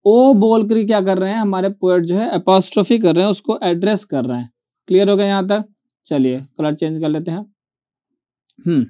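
A male teacher giving an online poetry lecture, reading verse lines out slowly and often checking whether students have followed. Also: high-pitched, a little mellow.

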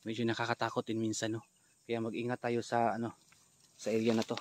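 A man vlogging a ghost hunt alone in rural undergrowth, talking straight to his viewers and often shouting in alarm or chanting prayers. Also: medium pitch, completely flat delivery, fast, very noisy. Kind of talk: live outdoor ghost-hunt vlog. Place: rural undergrowth outdoors, insects heard.

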